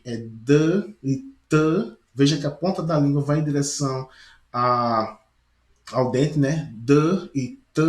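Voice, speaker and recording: Brazilian teacher explaining in an echoey room. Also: male voice, on the high side. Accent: Brazilian Portuguese. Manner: explains step by step, often tags "né?" and "tá ok?"; sounds out letters and syllables slowly. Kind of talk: recorded classroom lesson.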